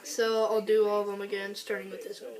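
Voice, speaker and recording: A woman speaking casually and haltingly in an unscripted amateur vlog, a bit sick with a cold. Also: mid-range voice, little pitch movement, very noisy. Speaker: amateur vlogger testing duck calls.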